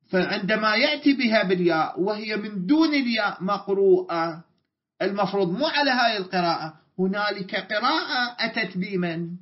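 A man's voice: sits high, lo-fi sound. A man with an Iraqi Arabic accent teaching an Arabic grammar class, drawing out and repeating key words and quizzing his students. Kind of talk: classroom lecture.

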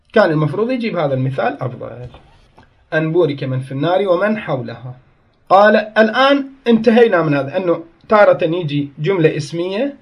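Man teaching grammar, higher-pitched. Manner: explains step by step, asks and answers his own questions; tells students to pay attention and write it down. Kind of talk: Arabic grammar lesson.

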